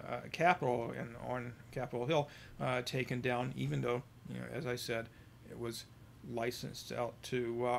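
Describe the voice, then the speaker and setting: A male podcast host giving casual commentary on news stories, reading out quotes and talking haltingly with many fillers, his volume rising and falling. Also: medium pitch, creaky, a bit bright, a little hiss or hum.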